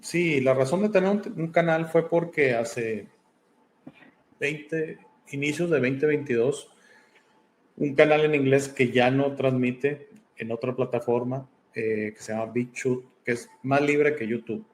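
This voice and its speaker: A man's voice: medium pitch, a little slow. Man, Italian-born, raised in Mexico, hesitant, filler-heavy, video call, faint background hiss. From born in Italy, raised in Mexico. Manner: thoughtful, hesitant with many fillers. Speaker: guest, podcast host. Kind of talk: casual interview chat.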